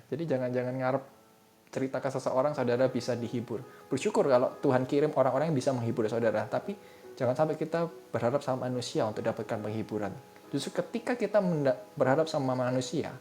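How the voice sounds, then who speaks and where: A man giving a sermon in a casual, conversational way, speaking straight to his listeners. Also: medium pitch. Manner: casual conversational preaching, addresses listeners as "saudara". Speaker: preacher. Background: soft instrumental music.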